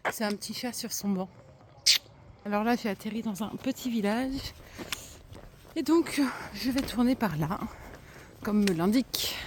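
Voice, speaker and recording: A woman talking casually to her phone camera while walking a countryside trail, upbeat and full of filler pauses. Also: fairly high pitch, darkish tone, a little hiss or hum. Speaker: vlogger walking a pilgrimage.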